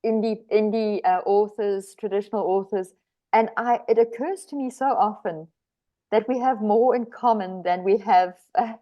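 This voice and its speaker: With a mid-range voice and a moderate pace, this South African-accented woman answers podcast interview questions as a guest author. The lo-fi sound captures her many hesitant restarts and relaxed laughter.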